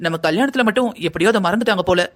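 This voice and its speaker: A voice actor playing a gentle young man torn between his mother and his bride, speaking softly and placatingly in a cartoon drama. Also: medium pitch, rapid-fire, lightly acted. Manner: soft, placating.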